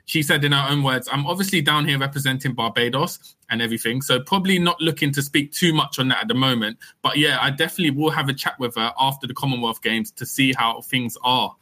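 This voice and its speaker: A man co-hosting a casual cricket podcast, talking in a measured, explanatory way. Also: mid-range voice, pushed and bright. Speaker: podcast co-host.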